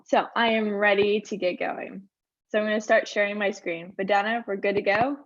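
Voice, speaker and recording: A conference speaker delivers an upbeat, chatty webinar presentation full of conversational asides, her mid-range voice a little strained by allergies. She keeps a steady tone at normal speed. The recording is dry, with the highs cut off.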